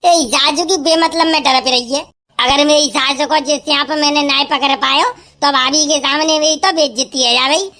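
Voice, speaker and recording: A very high, bright woman's voice. She performs a village comedy sketch, loud, shrill and bantering. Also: steady tone, moderate pace.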